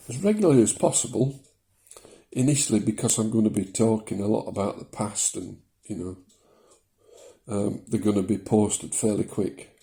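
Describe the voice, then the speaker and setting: Speaking into his phone from his living room, a South Yorkshire vlogger in his seventies talks in a fairly low voice with a softened local accent. The personal vlog is casual and meandering, and he hesitates a lot, with plenty of ums and little laughs.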